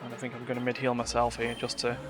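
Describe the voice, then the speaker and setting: Reacting to the action and talking under his breath, a male streamer gives live gameplay commentary over game music. He speaks quickly in a monotone, mid-range voice.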